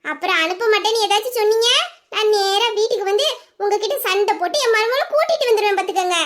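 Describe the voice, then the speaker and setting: A woman's voice: very high-pitched, fast, noisy background. A woman voicing a cheerful village mother-in-law who chats and teases fondly about her daughter-in-law. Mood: teasing. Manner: chatty, teasing.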